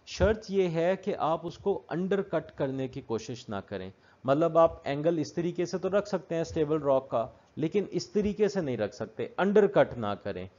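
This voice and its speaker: A man's voice: a little high, animated, warm tone, lo-fi sound. A man teaching a workplace safety lesson, explaining step by step and repeating key points, with English technical terms mixed in. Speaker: safety instructor. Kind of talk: explanatory lecture.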